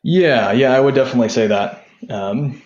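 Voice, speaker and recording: A young man speaking as a podcast guest in a casual, meandering way that leans on filler words. His voice sits at an average pitch and sounds roomy. The sound is dull and lo-fi. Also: moderate pace, darkish tone. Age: young adult. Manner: rambling, lots of "sort of" and "like" fillers. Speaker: podcast guest, tech founder. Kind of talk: casual interview talk.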